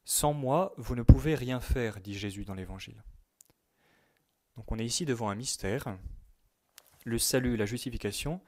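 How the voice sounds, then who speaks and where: A man giving a religious teaching to young people, speaking in a measured way and stressing key words, sometimes reading quotations aloud. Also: medium pitch, warm tone. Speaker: teacher at a youth retreat.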